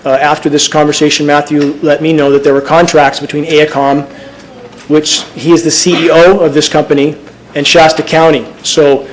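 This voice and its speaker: Insistent higher-voiced man testifying. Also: little pitch movement, moderate pace, poor audio. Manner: insistent, emphatic, stumbling restarts. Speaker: public speaker. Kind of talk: testimony at a public hearing. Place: crowded public meeting room.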